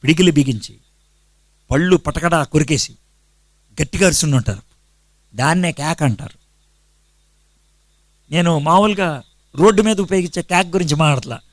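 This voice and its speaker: A man with a high, bright-pitched voice delivers a sermon to a congregation, close and dry with no room echo. He asks his listeners questions, answers them himself, and counts off his points with steady emphasis. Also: normal speed, pauses often. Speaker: pastor.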